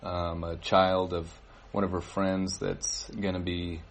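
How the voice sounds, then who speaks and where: A man giving church announcements, halting with many fillers. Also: sits low, flat delivery, a little hiss or hum. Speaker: worship leader giving announcements. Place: church service.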